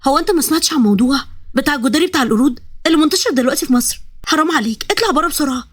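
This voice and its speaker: A woman voicing a bossy, panicky young woman with an Egyptian accent who scolds in a shrill voice. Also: expressive, very fast, dry recording, clean studio sound. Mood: scolding. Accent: Egyptian Arabic.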